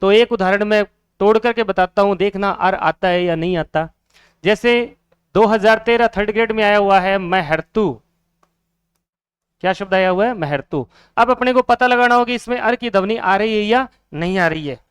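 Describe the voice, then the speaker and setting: A man's voice: sits high, moderate pace, smooth, no room sound, studio quality. A man teaching a Hindi grammar lesson for exam students, asking questions and answering them himself, repeating each key word.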